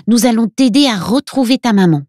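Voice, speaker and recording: Woman playing a timid little boy elf, high and hesitant, storybook voice. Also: animated, fairly quick, a little mellow, no echo, clean studio sound, soft background music. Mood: gentle. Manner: hesitant, stammering. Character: Milo, a shy little male Christmas elf.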